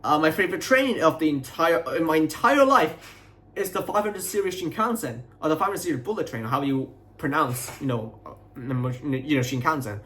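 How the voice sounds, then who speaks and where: A young adult man venting to his viewers in a frustrated, aggrieved, unscripted rant, halting and repeating himself as he rambles. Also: a little high, expressive, fairly bright tone. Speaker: video creator.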